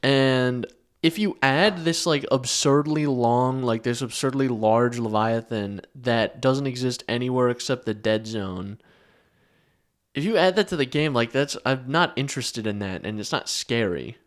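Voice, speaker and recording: A man's voice: mid-range voice, unhurried. A young man co-hosting a podcast in casual chat, rambling and swearing, restarting his sentences. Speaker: podcast co-host.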